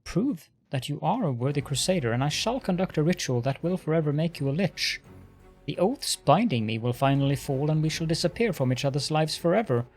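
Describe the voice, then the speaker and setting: A man's voice: a little high, expressive, unhurried, soft background music. A man voicing an arrogant undead lich, a lordly military master speaking with haughty, sneering command in a fantasy game. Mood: irritated. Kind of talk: dramatic voiced game dialogue.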